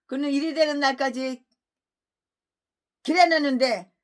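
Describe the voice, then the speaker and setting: A woman pastor preaching an expository sermon, scolding hard, repeating phrases and swinging between loud rhetorical questions and low muttered insults.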